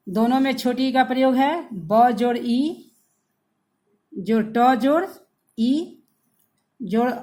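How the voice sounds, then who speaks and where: A woman school teacher giving a grammar lesson to pupils, spelling words out slowly letter by letter and calling them children. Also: fairly high pitch, darkish tone.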